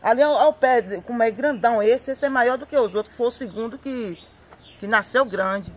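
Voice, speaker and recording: A woman speaks outdoors into a handheld microphone, her voice sitting a little high. She recounts events in an excited, tumbling way, circling back and repeating words. She often quotes herself and her family as she goes. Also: fairly quick. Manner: breathless, repetitive storytelling with acted-out quotes. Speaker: interviewee, local resident. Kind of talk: excited eyewitness account. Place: outdoors at a home yard.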